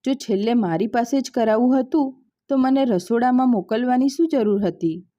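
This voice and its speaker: A woman voicing a resentful, sharp-tongued young daughter who snaps angrily, in a storybook reading. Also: a little high, moderate pace, dull audio, close to an everyday voice. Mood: angry. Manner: angry, snapping.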